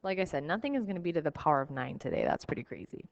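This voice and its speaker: Woman math teacher, slightly low voice, recorded lesson that sounds a little muffled. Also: sing-song, very fast, creaky, slight background noise. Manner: talks through working out each step aloud.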